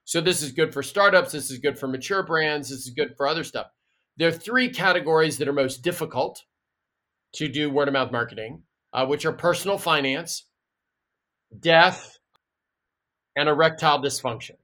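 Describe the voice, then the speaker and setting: Animated man explaining. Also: a little high, normal speed. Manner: animated storyteller, chatty asides. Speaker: marketing guest expert. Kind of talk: casual explaining in an interview.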